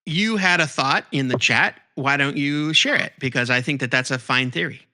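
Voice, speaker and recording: A man co-hosting a comics podcast, explaining theories in a rambling, animated way with lots of fillers and restarts. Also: mid-range voice, normal speed. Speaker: podcast co-host. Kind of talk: casual chat about comics.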